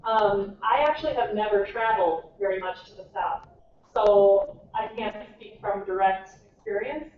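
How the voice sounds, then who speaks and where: A young woman from Minnesota with a Minnesotan American accent, chatting and telling stories as a native English conversation partner, her voice animated and full of quoted asides. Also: mid-range voice, normal speed. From Minnesota, United States. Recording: distant, tinny, echoey hall with faint noise.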